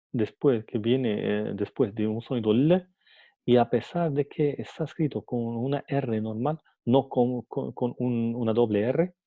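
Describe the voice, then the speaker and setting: A man's voice: mid-range voice, dry recording. A man teaching a phonetics lesson, hesitant, with many restarts and fillers, often adding a rhetorical "no?". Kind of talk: phonetics lecture. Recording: tinny lo-fi dry recording.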